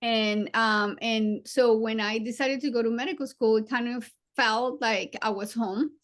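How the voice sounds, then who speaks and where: A woman in her forties from Colombia with a Colombian Spanish accent, a surgeon being interviewed, speaking earnestly and reflectively with frequent pauses and fillers. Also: fairly high pitch, fairly even intonation. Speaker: guest surgeon. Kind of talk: interview conversation.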